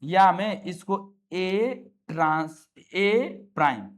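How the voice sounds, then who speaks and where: A man's voice: high-pitched, takes it slowly. A male maths teacher giving a classroom lesson, coaxing students and repeating his questions back to them.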